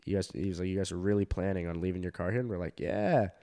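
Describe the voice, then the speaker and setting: A man's voice: sits low, fast. Rambling, profane comedian man. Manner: rambling, filler-heavy and profane, with animated quoted voices. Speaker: stand-up comedian. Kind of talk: casual storytelling chat.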